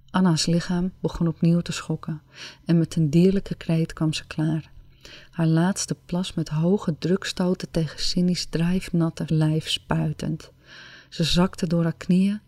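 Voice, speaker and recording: A woman narrating an erotic story in a slow, sensual, drawn-out reading. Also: fairly low pitch, warm tone, no echo.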